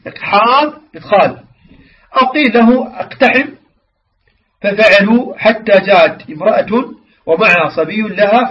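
A man with a high voice teaches a religious lesson, stopping to explain word meanings and quiz his class. He sounds set back from the mic. The recording is dull and lo-fi. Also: recorded from a distance.

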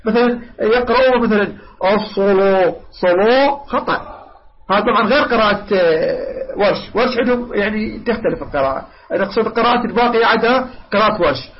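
Man, recitation teacher, high voice, patient, draws out sounds, muffled lo-fi audio. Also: expressive. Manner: patient, slowly drawing out and repeating sounds to demonstrate them. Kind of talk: tajweed lesson. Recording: dull lo-fi recording.

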